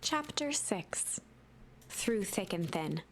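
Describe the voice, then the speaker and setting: A woman reading a game's narration aloud in a plain, even storybook way. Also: medium pitch, takes it slowly, a little hiss or hum.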